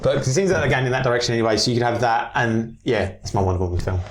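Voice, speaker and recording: A man's voice: medium pitch, rapid-fire, reverberant, over a noisy crowd, heavy background noise. A man on a casual podcast, rambling through a story idea and acting out lines from scenes as he goes. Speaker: co-host.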